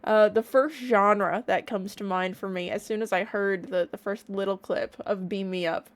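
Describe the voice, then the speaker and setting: Casting: woman, online reaction streamer, casual excited chat, playful and enthusiastic delivery, mid-range pitch. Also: moderate pace. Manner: bubbly, playful, gushing enthusiasm.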